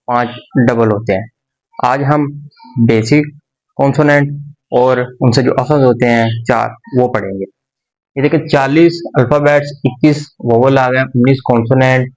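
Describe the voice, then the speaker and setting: A man of average pitch teaching a beginner's language class. He explains step by step, slowly and patiently, pausing and repeating points as he goes. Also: darkish tone, poor audio. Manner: slow, patient explanation with pauses and repetitions. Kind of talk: explaining a lesson.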